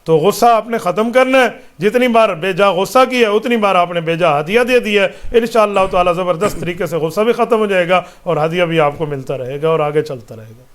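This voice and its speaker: Male mufti, high voice, emphatic delivery, rhetorical questions, stacked parallel phrases, religious Q&A. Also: animated, few pauses. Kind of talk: religious question-and-answer talk.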